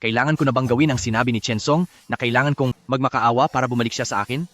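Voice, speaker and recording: A man's voice: medium pitch, steady tone, rapid-fire, a bit bright, no room sound, close to an everyday voice. Man playing a flustered secret billionaire husband. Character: rich young CEO posing as a driver. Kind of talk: Filipino dub of a drama.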